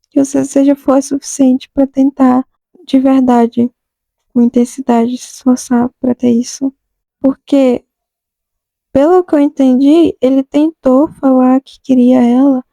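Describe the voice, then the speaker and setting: A young woman in a casual lesson, reading English song lines slowly and then explaining them in a chatty way. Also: sits high, gravelly, dark tone, no echo, poor audio. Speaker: song lyrics teacher.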